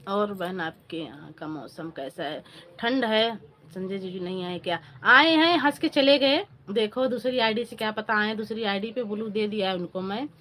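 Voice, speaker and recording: A chatty woman with a lilt runs a casual live stream, warmly calling out viewers by name and nudging them for likes. Her voice sits at an ordinary middle pitch, picked up on a phone. A faint hum of ambient sound lingers behind her. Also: measured pace. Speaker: livestream host.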